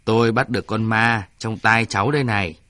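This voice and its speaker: A man voicing a calm male army medic who speaks firmly with a gentle joking manner. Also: on the low side, fairly quick, no room sound.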